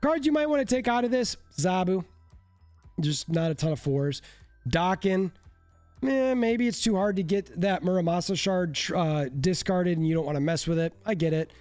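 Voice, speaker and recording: This card game creator's voice is high and expressive, moderately paced, a little mellow, clear and resonant, though congested from a cold. He breaks down decks in a casual, slightly self-deprecating way, recorded dry with soft music behind.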